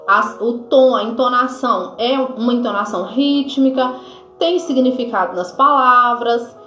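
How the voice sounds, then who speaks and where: Brazilian nurse teaching in an echoey room. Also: female voice, on the high side, fairly even intonation, measured pace, sharp tone. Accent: Brazilian Portuguese. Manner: informal teaching, frequent fillers like "né" and "tá"; reads from notes at times. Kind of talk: explanatory health lesson to camera. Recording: echoey room, dull lo-fi sound, faint music.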